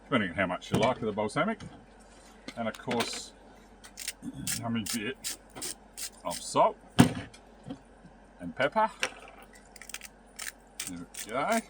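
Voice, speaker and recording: A man hosting a casual camping vlog at an outdoor campsite, relaxed and jokey, laughing often. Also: mid-range voice, takes it slowly, pauses often, heavy background noise. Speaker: caravan vlog host.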